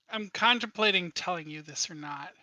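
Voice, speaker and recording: Bright, teasing game master man. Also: on the high side, dry recording. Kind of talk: narrating a tabletop game.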